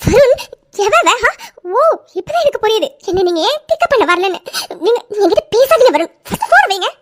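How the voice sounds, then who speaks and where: A woman voicing a short-tempered, jealous young wife in a cartoon, scolding in a rapid barrage. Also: extremely high pitch, big pitch swings. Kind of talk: cartoon dubbing.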